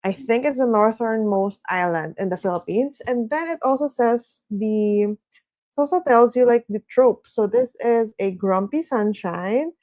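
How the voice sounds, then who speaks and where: A woman's voice: on the high side, unhurried, no echo. A woman hosting a livestreamed reading session, chatting casually and easily, sometimes in a sing-songy way. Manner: chatty, relaxed, reads viewer comments aloud; sing-songy delivery at times. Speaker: streamer hosting reading sprints.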